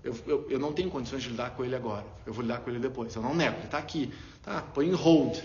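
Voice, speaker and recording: A man explaining ideas in a casual, animated way, acting out little inner dialogues as he talks. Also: mid-range voice, racing, a little hiss or hum. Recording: roomy, dull lo-fi sound.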